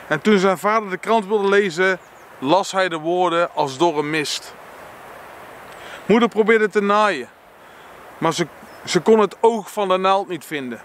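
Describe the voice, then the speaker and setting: A man with a Dutch accent reads a book passage aloud and reflects on it, slow and earnest, stumbling now and then and correcting himself. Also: sits high, a bit bright, slight background noise.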